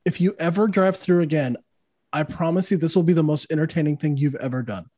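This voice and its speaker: A man's voice: on the high side, brisk, warm tone. A man from New Mexico hosting a podcast, telling stories in casual chat, swearing freely and laughing often. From Santa Fe, New Mexico. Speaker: podcast host.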